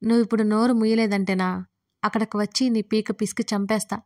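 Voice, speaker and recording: A woman's voice: mid-range voice, steady tone, fast talker, a little mellow, lightly acted. A woman voicing a worried young newlywed who turns snappy and sarcastic with her friends. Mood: exasperated. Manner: anxious, then snappy and sarcastic.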